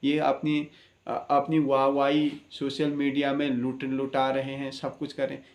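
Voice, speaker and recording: A man's voice: mid-range voice, monotone, unhurried. Man, astrologer, impassioned address, earnest preaching manner, rhetorical questions, echoey room.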